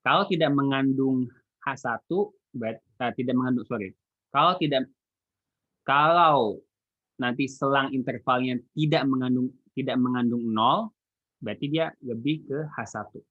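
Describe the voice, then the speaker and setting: A man with a Jakarta Indonesian accent and a slightly imprecise R gives an informal online statistics lecture. Speaking colloquially at medium pitch and normal speed, he often uses tags to check that listeners follow. The audio is echoey and muffled, like a phone call.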